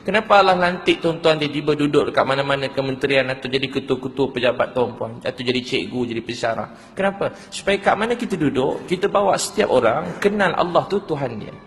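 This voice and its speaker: A man's voice: on the high side, quick pace, few pauses, a bit bright, long reverb tail, slight background noise. A man with a Malaysian Malay accent preaching a sermon, telling stories and asking the audience questions. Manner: storytelling, asks the audience questions.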